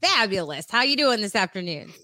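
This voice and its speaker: Female co-host, bright and animated, bubbly delivery. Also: medium pitch, a little fast, dry recording. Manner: bubbly, laughs often, animated. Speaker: podcast co-host. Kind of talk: casual chat.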